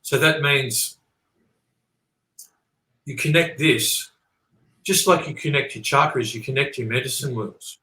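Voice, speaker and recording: A man with a mid-pitched voice talks as an interview guest in a roomy, echoing space. He explains things earnestly and loosely, circling back over his points and checking that the listener follows. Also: a little slow, pauses often, pushed and bright. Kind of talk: rambling explanatory conversation. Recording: echoey, roomy sound.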